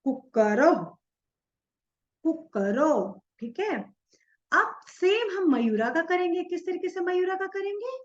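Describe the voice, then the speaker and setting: In a muffled recording, a Sanskrit teacher with an extremely high-pitched voice explains a textbook lesson to her class. She asks questions and answers them herself, slowly spelling out each word letter by letter as she writes.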